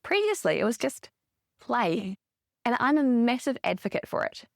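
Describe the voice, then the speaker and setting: A woman in her thirties hosting a podcast, giving an upbeat scripted monologue that explains each point with lively emphasis. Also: a little high, normal speed, creaky, no room sound, clean studio sound. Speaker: podcast host.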